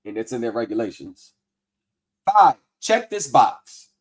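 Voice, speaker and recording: A livestream host who debunks scams casually walks through a tax form, reading its text aloud and skeptically dismantling bad advice. His mid-range voice is sing-song and unhurried, and his tone stays conversational.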